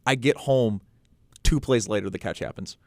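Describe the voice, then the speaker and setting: A young man co-hosting a sports podcast in casual chat, excitable, swearing often and laughing a lot. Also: medium pitch, normal speed, no echo, studio quality. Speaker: podcast co-host.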